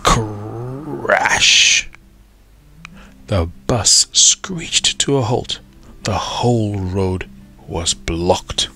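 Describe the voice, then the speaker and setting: Male storyteller, very low voice, lively animated delivery, unhurried pace. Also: soft background music. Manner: expressive, dramatic pauses. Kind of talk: children's storybook read-aloud.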